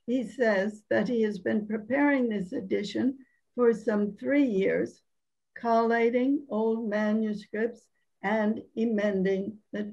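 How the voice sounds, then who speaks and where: Woman, hoarse, gravelly, slow, measured scholarly presentation. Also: fairly high pitch, warm tone, highs cut off. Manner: careful, measured reading. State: hoarse from laryngitis. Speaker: academic conference speaker. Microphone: video call.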